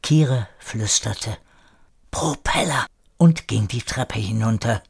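A man narrating a story in a calm, measured storytelling manner. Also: mid-range voice. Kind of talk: scripted audiobook narration.

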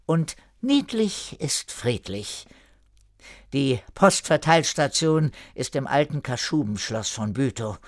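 A man's voice: mid-range voice, very animated, slow pace, no echo, clean studio sound. A man voicing a bossy, suspicious but kindly village woman who scolds and probes with questions in an audiobook. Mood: brisk.

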